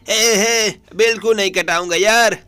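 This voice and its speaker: A man's voice: high voice, steady tone, a little slow, bright, forceful tone, clear, resonant tone, no echo. A man doing a swaggering street tough. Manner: Bambaiya street slang. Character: street-slang tapori tough guy, swaggering.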